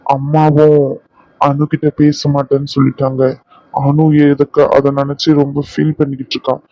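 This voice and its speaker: A man voicing a tender, remorseful young husband in a cartoon drama, talking slowly and pleadingly. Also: a little high, completely flat delivery, no echo, muffled recording, lightly acted. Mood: weary. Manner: soft, pleading, slow and emotional.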